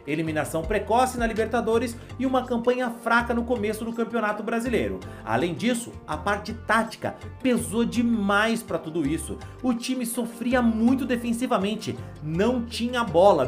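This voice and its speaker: Lively woman sports commentator. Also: medium pitch. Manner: conversational, addresses viewer directly. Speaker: football commentary host. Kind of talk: scripted sports commentary voice-over.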